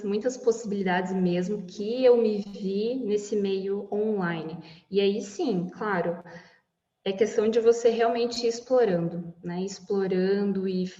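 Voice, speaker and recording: A woman's voice: medium pitch, warm tone, roomy sound, long reverb tail, highs cut off. A woman music therapist explaining her work in a casual podcast conversation, often adding "né" as she talks. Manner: explanatory, many "né" tags.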